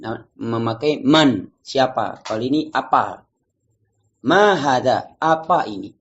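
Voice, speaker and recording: A male teacher leading a class, reading phrases slowly and explaining them casually. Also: medium pitch, muffled recording. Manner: drills phrases slowly, students repeat. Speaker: Arabic teacher. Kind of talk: classroom lesson.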